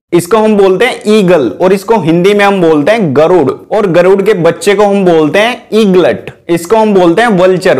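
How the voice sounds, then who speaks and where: A man with a high voice teaches a vocabulary lesson to viewers. He talks in a chatty, friendly way, calling his audience guys and fixing his own slips as he goes. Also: a little mellow. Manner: chatty, keeps saying "guys"; corrects himself mid-lesson. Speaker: English teacher.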